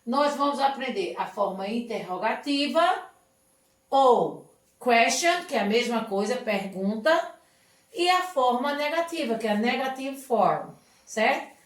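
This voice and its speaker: Slow, patient woman teacher, echoey. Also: a little high, expressive. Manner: slow, patient, often checks understanding. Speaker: English teacher. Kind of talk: remote classroom lesson. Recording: echoey room, far from the mic.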